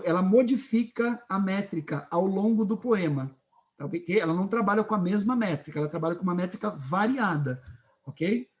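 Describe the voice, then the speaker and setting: A male literature teacher with a Brazilian Portuguese accent and a fairly high voice lectures to his students. He talks in a lively way, and he keeps pausing to make sure the class is following him. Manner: lively, checks in often with the class.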